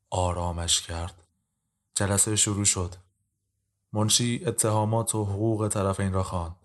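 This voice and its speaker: A male narrator of a scripted audio drama with a deep voice and a very level delivery. He tells the story in a calm, measured way.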